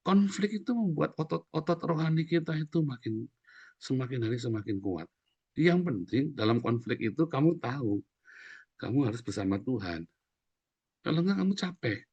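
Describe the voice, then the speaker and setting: A man preaching a lively sermon, joking and acting out voices. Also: mid-range voice, moderate pace, breathy edge, no room sound, highs cut off. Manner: animated, jokes and acts out quoted voices. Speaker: pastor.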